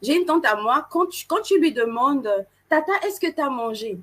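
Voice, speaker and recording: Woman from Cameroon, playful storyteller, fairly high voice, casual event presenting. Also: expressive, moderate pace, fairly bright tone. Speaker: event co-host.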